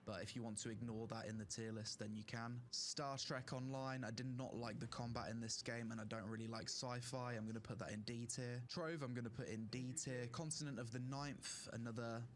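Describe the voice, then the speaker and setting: A man's voice: mid-range voice, steady tone, a little fast, few pauses, a little hiss or hum. A young man streaming, giving casual opinionated rankings of online games with fillers, his throat strained from talking. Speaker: gaming streamer. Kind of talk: casual tier-list commentary.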